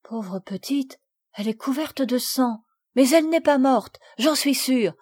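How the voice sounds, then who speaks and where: A woman's voice: a little high, measured pace, a little mellow, lightly acted. A woman voicing a brave, tender young girl who urges and soothes, in a storybook reading. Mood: urgent, pleading. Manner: urgent, soothing.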